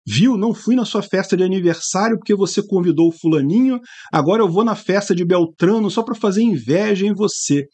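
A man's voice: high voice, animated, a little fast, a little mellow. A middle-aged Brazilian man giving sarcastic, indignant political commentary to a webcam indoors, often adding tag questions. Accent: Brazilian Portuguese. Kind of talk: opinion vlog commentary.

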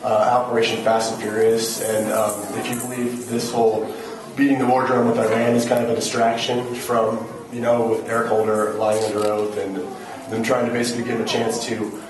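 Brief: male audience questioner, flat hesitant delivery, handheld mic in a very echoey hall. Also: mid-range voice, fairly quick, recorded from a distance. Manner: hesitant, fillers. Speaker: audience member asking a question. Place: large hotel meeting room. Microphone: handheld microphone. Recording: echoey hall, crowd noise.

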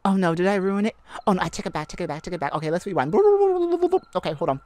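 In a romantic ASMR roleplay, a woman plays an excitable, affectionate mage sweetheart who gushes, rambles and gets flustered easily. She speaks quickly in a lowish voice, with no room sound at all.

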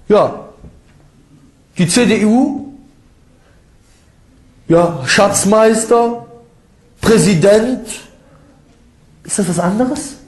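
A man giving an informal religious lecture that rebuts critics, lively and mocking, with ironic asides and quick laughs. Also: high voice. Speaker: Islamic preacher. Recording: echoey room sound.

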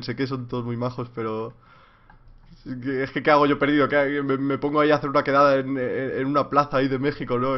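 A young man with a Spanish accent, casually answering viewer questions on a live stream at home in a rambling, jokey way with sudden loud jumps. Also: medium pitch. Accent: Spain. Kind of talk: casual livestream Q&A. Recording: slightly dull lo-fi stream audio.

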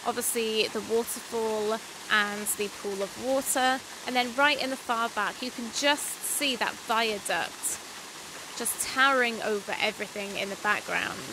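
A woman's voice: on the high side, fairly even intonation. A young woman from Britain vlogging outdoors about waterfall photography in a wooded gorge, chatty and self-deprecating. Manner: chatty, self-deprecating, talks while hiking. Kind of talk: casual on-location vlog and voice-over narration. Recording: outdoor hiss with water noise. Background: rushing stream and waterfall.

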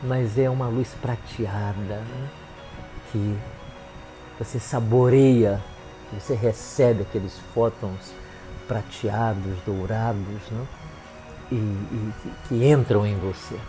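An older man, a clinical psychologist, giving a slow reflective monologue full of tag questions. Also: lowish voice, fairly even intonation, music in the background. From Brazil. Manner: unhurried, musing, tag questions.

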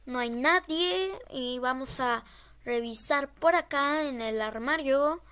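A scared woman streamer commentating casually on a horror game. Her voice is high and bright, and she takes her time. She nervously repeats short phrases as she plays. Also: slow, smooth.

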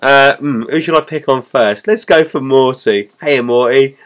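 A man's voice: medium pitch, unhurried, fairly bright tone, pitched above the performer's own voice, natural voice. Man putting on a rowdy orc warrior. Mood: gleeful. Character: rowdy brutish male orc warrior, gleeful and loud.

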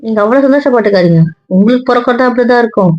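A woman teasing her family in casual banter, sharp-tongued and mocking. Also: a little high, racing, muffled recording. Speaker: wife in a family skit.

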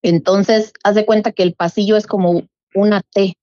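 Middle-aged woman, animated casual storyteller, warm tone, dull dry lo-fi audio. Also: medium pitch, normal speed, no room sound. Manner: animated, acts out quoted voices. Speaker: guest telling a true story.

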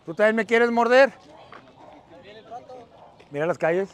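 A man's voice: high voice, measured pace. A middle-aged man with a northern Mexican accent campaigning on the street, chatting in affectionate slang and calling out to passers-by. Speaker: political campaigner. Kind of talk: casual street campaigning chat. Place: outdoors on a dusty neighborhood street. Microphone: phone held by someone a few meters away. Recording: noisy outdoor street, phone video.

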